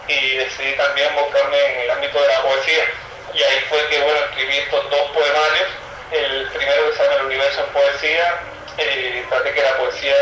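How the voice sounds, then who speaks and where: Bright-voiced Cuban man in a roomy space. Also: medium pitch, distant mic. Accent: Cuban Spanish. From Cuba. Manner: thoughtful, with frequent hesitations and fillers. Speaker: writer and poet, guest. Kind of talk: interview answers. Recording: roomy sound, from the mic, faint noise.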